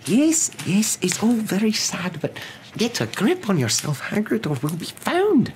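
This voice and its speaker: Older witch professor, played by a man, much higher pitch, brisk, stern, scolding, storybook. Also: huge pitch swings, a little mellow, exaggerated voice. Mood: urgent scolding. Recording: noticeable background noise.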